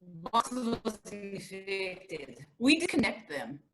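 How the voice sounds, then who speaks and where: A woman doing a slow, blunt chupacabra. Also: medium pitch, sing-song, a bit bright, soft background music, full character voice, low-quality recording. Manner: slow, halting broken sentences. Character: blunt chupacabra creature speaking broken English.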